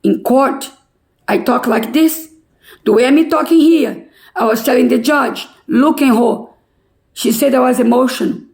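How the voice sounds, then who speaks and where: An older woman from Brazil with a Brazilian Portuguese accent, giving an emotional personal testimony in halting, broken English. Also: sits high, creaky, darkish tone.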